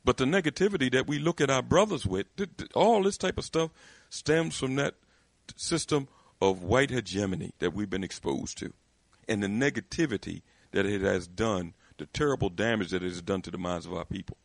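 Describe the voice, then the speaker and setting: A man's voice: fairly low pitch, brisk, vocal fry, no room sound. A man speaking with emphatic conviction in a discussion, often restarting his sentences. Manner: emphatic, repetitive restarts, rising intensity. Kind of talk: impassioned discussion.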